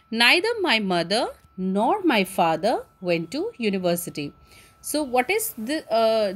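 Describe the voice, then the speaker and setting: Indian english lady teacher, kinda high voice, goes up and down a lot, asks then answers her own questions. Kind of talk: classroom grammar lesson.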